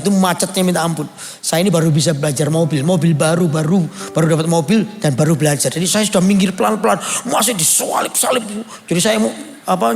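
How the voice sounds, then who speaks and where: Playful pastor, high gravelly voice. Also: male voice, in a large hall. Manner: playful, teasing the congregation, acts out dialogue. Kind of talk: sermon with humorous storytelling. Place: large church service.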